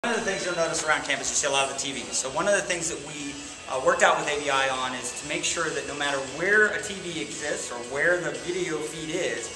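Man showing off church AV, echoey room. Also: fairly high pitch. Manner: explains, points things out to the viewer. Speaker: church media staff. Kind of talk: guided walkthrough explanation. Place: large church building.

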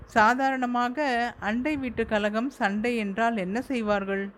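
A woman reading a short story aloud in a measured, deliberate way. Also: fairly high pitch, steady tone, a little hiss or hum, low-quality recording. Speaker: story reader.

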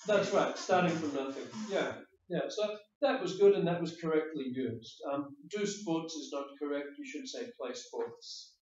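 Giving feedback on a spoken IELTS test, a patient male teacher explains things and repeats words mid-thought, barely pausing at his moderate pace. His voice is on the high side and darkish. The room echoes and the distant mic is dull.

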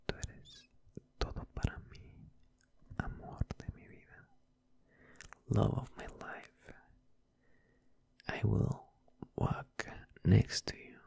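Whispering man, slow tender boyfriend role-play. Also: a little mellow. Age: 20s. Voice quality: breathy whisper. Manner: slow, tender, repetitive, intimate. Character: loving, devoted boyfriend. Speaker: ASMR performer. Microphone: close studio microphone, headphones on.

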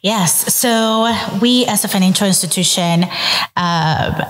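A woman in her late twenties from El Salvador, speaking as a podcast guest in a measured way with frequent ums and uhs. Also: mid-range voice, in a large hall, slight background noise. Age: late 20s. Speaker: guest, credit union vice president. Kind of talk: podcast interview.

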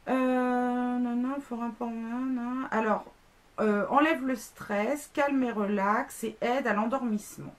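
A woman's voice: on the high side, steady tone, unhurried. A woman in her thirties, a beauty blogger, chatting casually through a product review with lots of fillers and self-mocking asides. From France.

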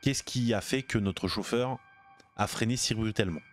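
A man playing a tabletop game over a video call, speaking in a calm, measured way. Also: on the low side, soft background music. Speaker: player. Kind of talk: tabletop game role-play. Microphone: headset on a video call.

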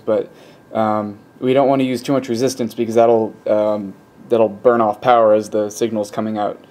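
This man, who hosts an electronics hobby channel, has a fairly low pitch and thinks aloud at an indoor electronics workbench, hesitant and rambling as he gives a casual technical explanation. Radio static plays from a speaker behind him, and the handheld camera mic, positioned behind the lens, records a constant static noise.

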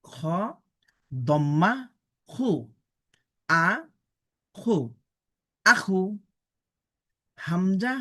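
A man with a Bangladeshi Bengali accent leads a Quran pronunciation lesson. He speaks very slowly, stretching out each Arabic syllable and repeating it for his learners. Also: high-pitched, lively intonation, bright, forceful tone. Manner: slow, drawn-out syllable drills. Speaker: Quran teacher. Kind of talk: slow recitation lesson.

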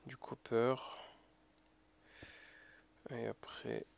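A man's voice: medium pitch, little pitch movement, extremely slow, creaky, a little hiss or hum. A man casually commentating his own gameplay, often muttering and half-whispering to himself. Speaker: let's play gamer.

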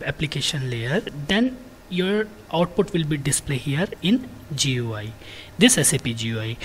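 Explaining haltingly and repetitively with frequent check words, a software trainer gives a casual technical lecture. The pitch is medium, and a little hiss or hum can be heard.

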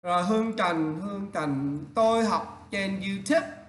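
A male English teacher correcting students' writing aloud, animated and teasing as he points out errors. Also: high-pitched, unhurried, reverberant, a little hiss or hum.

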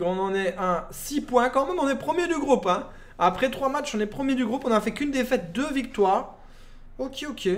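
A young man with a Belgian French accent, casually commentating a live football game stream and joking with chat. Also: high-pitched. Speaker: gaming streamer. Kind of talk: live gameplay commentary, chatting with viewers.

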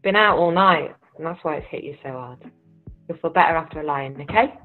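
A woman playing a teasing British big sister with a husky voice in a rehearsed script reading. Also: sits low, fairly quick, faint music behind, lightly acted. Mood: teasing, soft. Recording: thin, phone-like video call audio.

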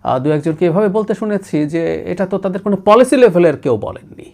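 Middle-aged male political commentator, analytical and animated. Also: high-pitched, a little fast, vocal fry. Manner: analytical, mixes English words and phrases into Bengali.

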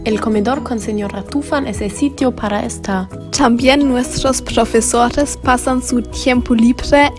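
A woman's voice: fairly high pitch, steady tone, normal speed, over music. A young woman reading a school tour as voice-over. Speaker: student narrator. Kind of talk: scripted voice-over narration.

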